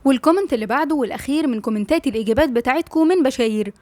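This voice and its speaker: A woman's voice: high voice, very fast, darkish tone, no room sound. A woman with an Egyptian accent hosting a channel and reading a novel aloud with affectionate, chatty asides. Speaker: audiobook narrator and channel host.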